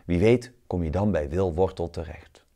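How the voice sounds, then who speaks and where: A man's voice: low-pitched, moderate pace, dark tone. A man voicing a helpful pear in a supermarket in a read-aloud children's storybook.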